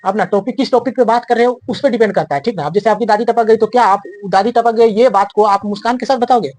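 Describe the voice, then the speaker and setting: A man's voice: high voice, quick pace, a little mellow, dry recording. A man coaching students for an interview in a casual, chatty way, often checking that they follow. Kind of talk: casual instructive talk to students.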